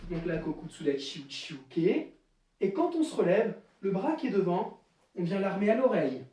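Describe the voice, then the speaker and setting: A man's voice: sits high, very animated, moderate pace, dark tone. A man teaching a karate class to children, calling counts in Japanese and guiding each move step by step, recorded live on a camera across the room. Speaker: karate instructor. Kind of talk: live online class instruction. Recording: very echoey room, from far off.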